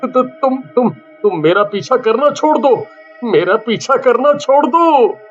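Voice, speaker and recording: A man's voice: extremely high pitch, lively intonation, unhurried, muffled recording, soft background music. Man voicing a stammering, terrified cartoon husband. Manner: stammering in fright. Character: timid poor young husband, easily scared. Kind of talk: cartoon voice acting.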